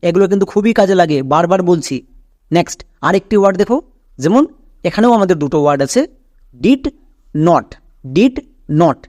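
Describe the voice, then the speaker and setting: A man teaching English reading, spelling words letter by letter and asking quick checks like "clear?". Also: high voice, expressive, darkish tone, dry recording, clean studio sound. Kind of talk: classroom-style lesson.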